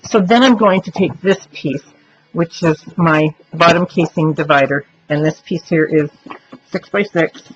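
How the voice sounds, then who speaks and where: A woman's voice: deep voice, unhurried. A woman giving a chatty step-by-step crafting demonstration, explaining each move aloud as she works. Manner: chatty, explains while working, thinks aloud. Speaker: craft tutorial presenter. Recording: dull lo-fi recording with faint noise.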